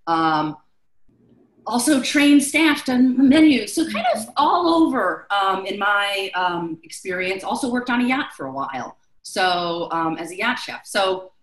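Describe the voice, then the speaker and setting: A woman's voice: mid-range voice, expressive, unhurried, reverberant, rough recording. Chatty woman chef teaching live. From Chicago. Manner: chatty, many fillers. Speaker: chef instructor. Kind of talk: online class lecture.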